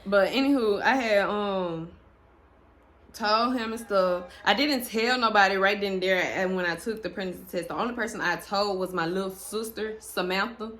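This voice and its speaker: A young woman with a medium-pitched voice speaks at a normal pace, casually sharing a personal story with her viewers. She's chatty and animated, with lots of fillers and restarts.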